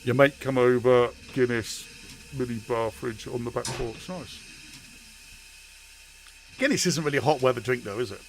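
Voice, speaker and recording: A man's voice: mid-range voice, normal speed, long pauses, slight background noise. A man chatting casually while playing a train simulator, answering chat and sharing railway trivia. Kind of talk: casual commentary while gaming.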